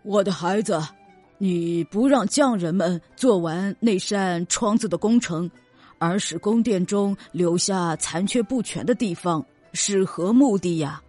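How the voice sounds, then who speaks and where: A woman's voice: medium pitch, measured pace, a little mellow, soft background music, voice pushed down, natural voice. Emperor woman voicing, older, regal, fatherly, admiring tone. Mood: questioning. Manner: fond, admiring, stately. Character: old emperor, warm and fatherly. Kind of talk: storybook reading.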